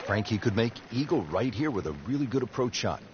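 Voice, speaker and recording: A man's voice: mid-range voice, very animated, a little fast. A man working as lead golf commentator, calling the play in short, clipped phrases. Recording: dull audio, loud crowd and outdoor noise. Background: golf crowd and outdoor ambience.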